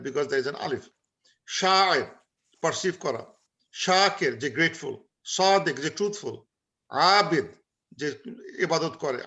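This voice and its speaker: Bangladeshi male teacher, bright forceful tone, video-call lecture, repetitive drilling with fillers. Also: on the high side. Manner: drills words by repeating them, with frequent filler sounds. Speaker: Arabic grammar teacher. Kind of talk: online class lecture.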